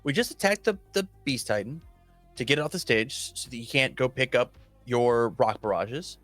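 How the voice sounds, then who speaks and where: A man's voice: medium pitch, normal speed, soft background music. Casual, eager male co-commentator. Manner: casual, eager, stumbles and restarts when excited. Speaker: card game commentator. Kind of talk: live tournament commentary.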